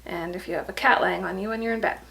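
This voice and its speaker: A woman's voice: medium pitch, fairly even intonation, fast talker, vocal fry, a bit bright, low-quality recording. A tired, pregnant young woman giving a casual vlog update, chatty and laughing often. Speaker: vlogger.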